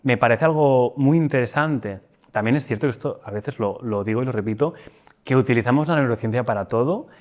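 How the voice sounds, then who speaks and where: A man's voice: mid-range voice, darkish tone. A man from hosting an interview podcast, talking in a chatty, enthusiastic and rambling way. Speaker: podcast host. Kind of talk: interview host.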